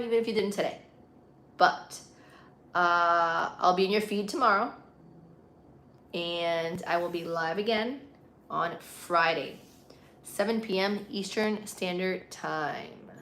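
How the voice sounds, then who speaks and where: A woman's voice: fairly low pitch, a bit bright, slight background noise. A woman with a Puerto Rican accent hosting a casual live stream, chatting with viewers in an informal, slangy, playful way. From Puerto Rico. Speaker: livestream host.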